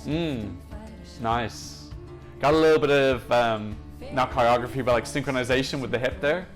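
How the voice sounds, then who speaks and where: This is the host of a Eurovision music reaction channel, a young man speaking at a moderate pace in a mid-range voice. His talk is enthusiastic, casual analysis full of gushing.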